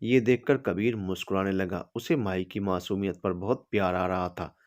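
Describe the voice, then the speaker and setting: A male storyteller reads a romantic tale in a scripted narration. His voice sits on the lower side and stays steady and even from line to line. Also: normal speed.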